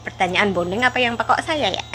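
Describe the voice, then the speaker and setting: A woman's voice: a little high, expressive, normal speed, bright, forceful tone, faint music behind. A woman telling a casual vlog story, giggling and making fun of herself. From Java. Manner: giggly, self-mocking, laughs often between phrases. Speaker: vlogger.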